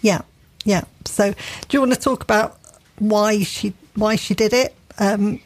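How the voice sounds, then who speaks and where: A woman's voice: medium pitch, fairly even intonation, a little slow. A middle-aged woman from England with a Derbyshire accent, co-hosting a radio gardening show in chatty, enthusiastic casual talk full of fillers and restarts. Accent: English, Derbyshire.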